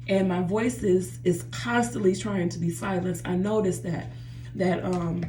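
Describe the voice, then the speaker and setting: Speaking earnestly from her home bathroom beside a running jacuzzi, a woman vlogger often repeats herself and calls her viewers "y'all." Her mid-range voice is dark and roomy, with a little hiss or hum.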